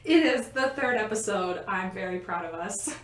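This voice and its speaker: A woman's voice: medium pitch, animated, moderate pace, a bit bright. Young woman, podcast co-host, giggly, rambling, roomy bedroom echo. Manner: giggly, rambling, often laughing mid-sentence. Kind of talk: casual podcast chat. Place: a bedroom at home.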